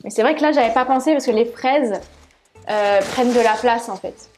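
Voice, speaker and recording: A woman's voice: a little high, normal speed, darkish tone, soft background music. A woman hosting a live cooking stream with a put-on southern French accent, chatting casually and thinking aloud as she works in her kitchen, often laughing at her own mistakes. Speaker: cooking channel host.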